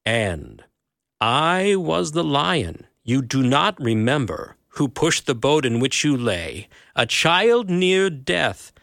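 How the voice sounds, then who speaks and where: A man voicing a vast, deep-voiced lion, calm and ancient, speaking slowly and gravely. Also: no room sound, studio quality, full character voice. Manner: slow, grave and low.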